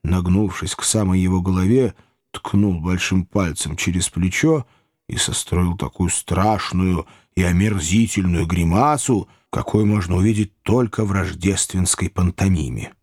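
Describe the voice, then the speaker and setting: A man narrating a classic novel as an audiobook reader, in measured storytelling. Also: sits low, no room sound, studio quality. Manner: measured storytelling, animated delivery. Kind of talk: scripted narration.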